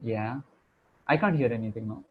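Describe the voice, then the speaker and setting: Joking teacher on a muffled video call. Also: male voice, mid-range voice, normal speed, husky. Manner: joking, chatty, asks students questions. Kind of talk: online class teaching. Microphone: computer microphone on a video call.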